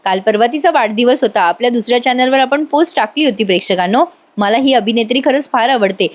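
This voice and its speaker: A woman's voice: on the high side, fast talker. A woman narrating a voice-over recap of a TV serial, chatting directly with her viewers. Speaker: TV serial reviewer.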